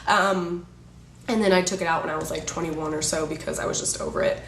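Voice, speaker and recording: A woman's voice: low voice, steady tone, brisk, creaky, roomy sound, background noise. A woman in her twenties chatting casually to camera, joking and laughing often. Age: 20s. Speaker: beauty vlogger. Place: indoors, a room in Los Angeles.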